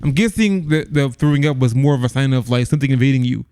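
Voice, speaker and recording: A man's voice: medium pitch, fast talker, mellow, clear, resonant tone, dry recording, studio quality. A man co-hosting a casual movie podcast who often stammers, repeats words and chimes in with agreement. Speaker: podcast co-host.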